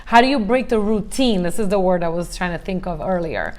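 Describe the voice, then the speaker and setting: A woman's voice: lowish voice, expressive, brisk. A middle-aged woman leading a motivational workshop in a conversational way, asking rhetorical questions and acting out examples. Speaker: coach.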